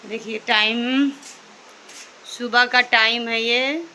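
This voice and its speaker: A woman's voice: on the high side, fairly even intonation, slow, bright, forceful tone, slight background noise. A woman filming a casual family vlog at home on her phone, chatting to viewers while looking after her children. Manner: chatty, addresses viewers as guys while tending to kids. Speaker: vlogger and mother. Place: home, indoors.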